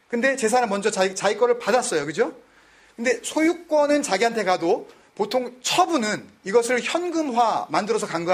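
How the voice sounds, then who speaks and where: A man teaching a Bible study in a conversational way, mixing in English words and keeping his listeners answering his questions. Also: high voice. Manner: keeps quizzing his listeners.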